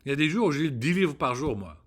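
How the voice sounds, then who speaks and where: A man's voice: a little high, very animated, fast. A man ranting in a casual monologue, rambling and profane, often restarting his words. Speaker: vlogger. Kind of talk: casual spoken rant to camera.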